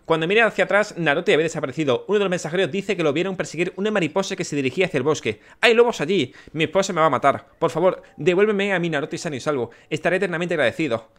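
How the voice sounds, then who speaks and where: A man's voice: lively intonation, very fast, hardly any pauses, fairly bright tone. A man with a Spanish accent voicing a frantic, worried village father who pleads for help finding his lost son. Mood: pleading. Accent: Spain. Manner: pleading, breathless and high-strung.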